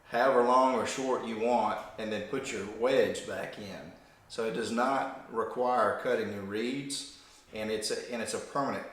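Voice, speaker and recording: A man with a medium-pitched, slightly bright voice demonstrates duck calls, explaining hands-on in an informal, folksy way. The room is very echoey.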